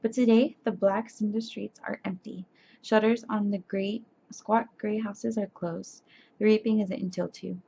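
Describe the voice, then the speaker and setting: Tired and sleepy, a young ASMR creator reads aloud and chats in a soft, breathy, gravelly voice. It sits at medium pitch with fairly even intonation and a slightly slow pace, and she stumbles and corrects herself as she reads. Her webcam gives dull, lo-fi sound with faint hiss.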